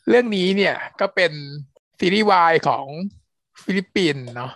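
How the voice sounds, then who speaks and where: A man co-hosting a podcast, retelling a series plot in a relaxed, meandering way. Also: sits high, normal speed, no room sound. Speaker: podcast co-host, series reviewer. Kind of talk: casual review chat.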